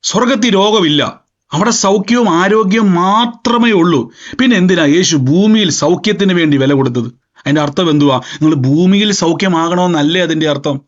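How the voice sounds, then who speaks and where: Preaching to his congregation, a pastor reads from scripture and fires off a series of rhetorical questions. He speaks at a normal speed in a voice high for a man, and the sound quality is dull and lo-fi.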